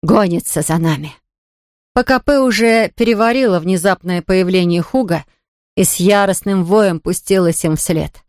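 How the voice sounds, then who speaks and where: A woman narrating a children's story aloud in a lively, expressive reading. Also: medium pitch, normal speed, dry recording, clean studio sound. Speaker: audiobook reader.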